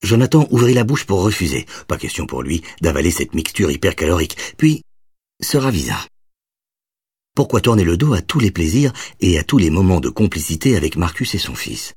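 A man reads a novel aloud with expressive, storytelling delivery, his deep voice rising and falling widely. The sound is dry and close, with a husky grain. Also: brisk, no room sound. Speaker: narrator. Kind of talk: audiobook narration.

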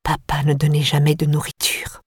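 A woman voicing a disturbed young woman, eerily calm and obsessive, in a slow, low murmur for an audiobook. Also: slightly rough, no echo, studio quality. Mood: eerie calm.

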